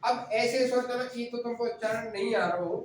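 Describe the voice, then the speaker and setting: A man's voice: very high-pitched, a little fast, far from the mic. A male teacher, drilling a class in grammar, repeating points and scolding students. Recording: very echoey room, voice from afar, faint noise.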